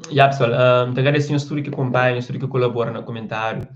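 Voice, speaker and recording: A man's voice: mid-range voice, fairly even intonation, very fast, lo-fi sound. Rambling man on a live stream. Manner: rambling, with restarts and frequent "você entende?". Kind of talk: casual live chat reading viewer comments.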